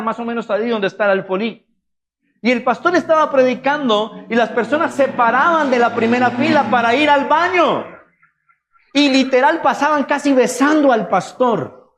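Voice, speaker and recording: A pastor preaching in a church with a high, ringing voice. He is emphatic and lively, often slipping into mimicry of the excuses people give. It is a man's sermon, delivered in earnest. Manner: emphatic, acts out congregants' excuses in funny voices. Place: church sanctuary.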